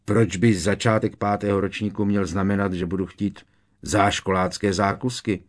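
A man's voice: on the low side, flat delivery, close to an everyday voice. A man voicing a clever, bossy teenage schoolgirl in an audiobook, curt and matter-of-fact. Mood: reproachful.

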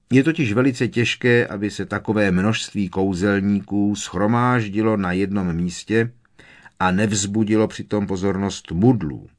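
A man's voice: fairly low pitch, natural voice. A man voicing a kindly, patient middle-aged wizard father who explains things at length. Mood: explaining.

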